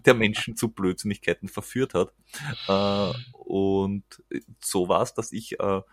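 A man's voice: on the low side, no room sound. A man with an Austrian accent chatting casually as a podcast guest, joking and self-deprecating. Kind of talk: casual chat.

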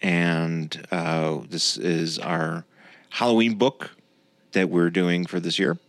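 A man hosting a podcast, casually explaining comic books in a halting, rambling way. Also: low voice, fairly even intonation, no room sound. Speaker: podcast host.

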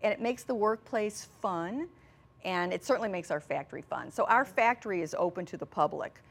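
A mature woman appears as an interview guest representing a small business, sharing anecdotes conversationally. Her mid-range voice is expressive and creaky, a little fast, and she repeats phrases for emphasis.

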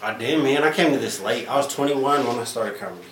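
A man in his thirties, a comedian guest, talks in a relaxed drawl with slang, often trailing off mid-thought. His voice sits at a middling pitch. The room is echoey, with a faint hiss behind him. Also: fast. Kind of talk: casual podcast chat.

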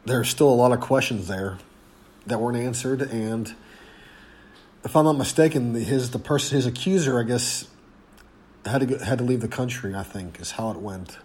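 A man hosting a casual sports podcast, congested and hoarse, rambling and halting with fillers. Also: mid-range voice, darkish tone. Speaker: podcast host.

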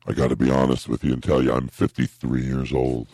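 A man voicing a brash, crude flight attendant woman in her fifties, his voice pitched down by an effect, in an improvised comedy bit. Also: monotone, fairly quick, mellow, no room sound, clean studio sound. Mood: crude, blunt. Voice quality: voice pitched down by an effect, very deep and gravelly. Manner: blunt, crude, bossy.

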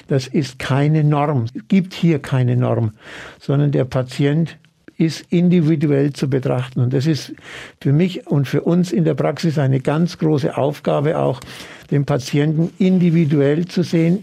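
A man who runs a treatment practice, explaining his therapy approach earnestly and in measured steps in an interview. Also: on the high side, gravelly, mellow. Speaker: osteopathic practitioner.

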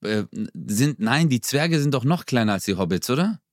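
A man's voice: mid-range voice, normal speed, no echo. Young guy, slangy jokey podcast chat, dry close mic. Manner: joking, slangy, animated storytelling. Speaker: podcast co-host. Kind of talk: casual comedy chat.

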